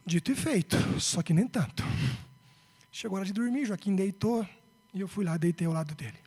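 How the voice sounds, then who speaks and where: Breathy man speaking in an echoing hall. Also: high-pitched, lively intonation, a little fast. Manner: emotional, shifting between hushed confession and rising urgency. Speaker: spiritist speaker. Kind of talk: emotional talk with storytelling. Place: lecture hall. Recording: long hall reverb, breathy voice.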